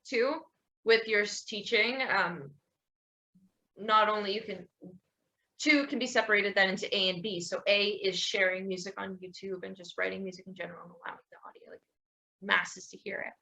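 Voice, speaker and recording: A woman's voice: mid-range voice, fairly even intonation, normal speed, gravelly, sharp tone. A young woman hosting a casual podcast interview, rambling a little and laughing often as she praises her guest. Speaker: podcast host.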